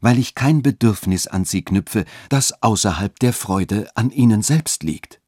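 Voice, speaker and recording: A man voicing a young widow who reasons calmly and gently but stays firm. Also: on the low side, unhurried, breathy edge, no echo, clean studio sound, voice pushed up. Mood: gently reasoning.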